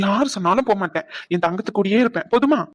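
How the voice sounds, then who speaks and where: A woman's voice: mid-range voice, lively intonation, natural voice. A woman voicing a young father in a cartoon, soothing his son and teasing his mother. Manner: quick, soothing, playful. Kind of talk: cartoon voice acting.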